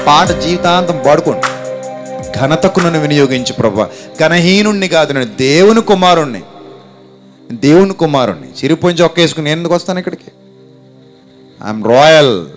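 A man's voice: on the high side, expressive, moderate pace, long pauses, faint music behind. A man preaching a sermon as pastor, emphatic and repetitive, urging listeners to repeat phrases aloud.

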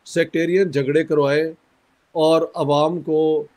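A man from Pakistan, a guest in an interview, speaking in a measured, critical way with pauses and a sore throat. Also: fairly high pitch, level tone, a little mellow. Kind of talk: conversational interview.

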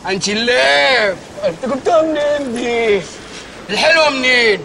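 A man's voice: very high-pitched, lively intonation, normal speed, creaky, background noise, heavily acted. An actor with an Egyptian accent playing a frantic grown man hunting for the TV remote, in TV sketch comedy. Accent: Egyptian Arabic. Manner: frantic, bursts into shouting. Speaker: comic actor.

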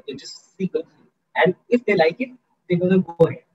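Upbeat high-voiced man. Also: expressive, fairly quick, a little mellow, slightly rough, lo-fi sound. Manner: upbeat, coaxing, keeps asking the audience. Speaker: guest speaker in a student workshop. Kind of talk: interactive online lecture.

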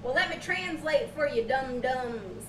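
A woman voicing a goofy, bratty, crude child hand puppet with a sharp, high voice and drawling manner. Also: expressive, a little slow, slight background noise. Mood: defiant, bratty. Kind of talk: puppet show parody. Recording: echoey video call, distant mic.

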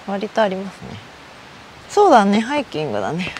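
With huge pitch swings and a brisk pace, a middle-aged Japanese woman chats to herself in a mid-range, slightly mellow voice while hiking uphill on an outdoor mountain trail. The casual solo vlog comes from a body-worn camera, a low-quality recording with a little hiss or hum.

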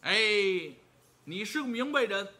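A man voicing a sly, teasing male scholar in yellow robes who talks in a mocking, knowing way. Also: high voice, lively intonation, slow pace, exaggerated voice.

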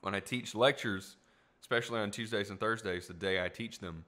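Speaking a little fast into a studio mic, this young male podcast host has a lowish voice with a bright, forceful edge that is starting to tire. He records his casual solo show in a small home room, musing and rambling with lots of fillers.

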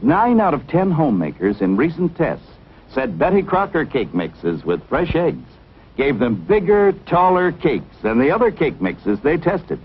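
A man announcing a commercial in a cheery, persuasive sales pitch, heard as old 1950s TV broadcast audio. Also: slightly rough. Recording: dull lo-fi vintage TV soundtrack.

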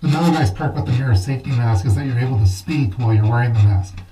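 A man's voice: medium pitch, quick pace, warm tone, husky. A man reviewing gear casually to camera, his voice projected and muffled through a gas mask in a small shower stall. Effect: muffled, speaking through a gas mask. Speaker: product reviewer. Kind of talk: talking to camera during a gear test. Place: small enclosed home shower.

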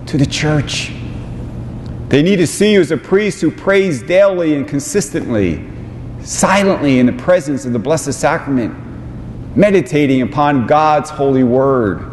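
A bishop in his forties delivers an ordination homily in a measured, unhurried way. His voice carries the long reverb of a large cathedral. A faint low rumble sits under the recording. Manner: slow, measured delivery with warm asides. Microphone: small lapel mic on vestments.

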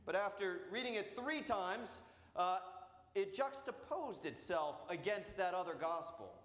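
A man, a priest, preaching a storytelling sermon in a booming voice. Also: lively intonation, a little slow, fairly bright tone. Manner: acts out voices in quoted dialogue. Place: church sanctuary. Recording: roomy church reverb.

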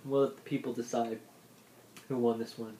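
A man's voice: medium pitch, level tone, normal speed. Young male vlog host, casual and conversational, echoey small-room sound with some noise. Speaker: host of a video channel. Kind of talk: casual chat. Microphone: tablet at arm's length. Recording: roomy echo, noisy tablet microphone.

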